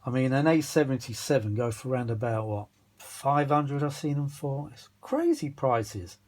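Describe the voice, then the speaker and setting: With big swings in pitch, a mid-range voice that's a little mellow and a normal speaking speed, a fatigued British man offers loose, off-the-cuff commentary on a repair. He's a vintage audio repair vlogger who mutters, grumbles and swears a bit while reaching for words, sounding exasperated throughout.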